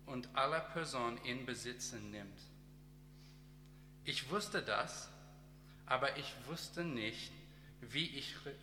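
A man from Australia whose first language is English, giving a short sermon in careful, halting German with many pauses and restarts. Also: medium pitch, sharp tone, echoey room, big-room sound, a little hiss or hum. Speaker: guest speaker and teacher. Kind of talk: church testimony and short sermon.

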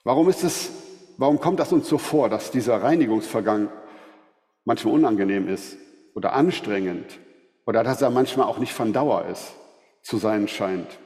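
A man giving a sermon, earnest and measured, asking rhetorical questions. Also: on the low side, animated, a little mellow. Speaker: preacher. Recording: long hall reverb.

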